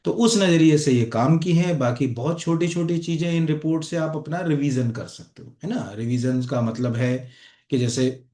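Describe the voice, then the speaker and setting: A man's voice: on the high side, steady tone, moderate pace, dark tone, roomy sound. A man teaching an exam-prep lesson over on-screen slides, in a loose conversational way, often checking in with "okay?" and "right?". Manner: conversational, repeats fillers like "ठीक है" and "है ना". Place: academy classroom or studio.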